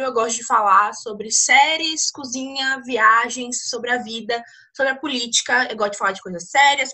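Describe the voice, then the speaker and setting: A talkative, expressive woman introducing herself casually as a podcast co-host. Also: on the high side.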